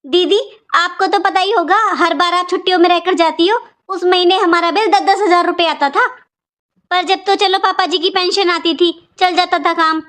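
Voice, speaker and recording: A woman as a sharp, taunting cartoon aunt. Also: extremely high pitch, fairly even intonation, normal speed. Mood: scolding. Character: scolding stingy aunt by marriage, adult woman. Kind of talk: cartoon voice acting.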